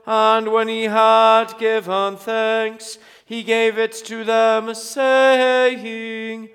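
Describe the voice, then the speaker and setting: A man's voice: high voice, clean tone, faint music behind. Man chanting liturgy in cathedral echo. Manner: slow, even, intoning. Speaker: priest leading a service.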